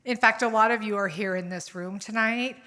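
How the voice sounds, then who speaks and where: A woman's voice: mid-range voice, fairly quick, sharp tone. A woman presenting an award in a speech to a gala audience in a banquet room, grateful.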